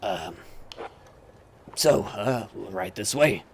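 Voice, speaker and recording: A man voicing a courtly male high arcanist who speaks politely and haltingly, with fillers. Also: expressive, gravelly, a little hiss or hum, exaggerated voice. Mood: courteous.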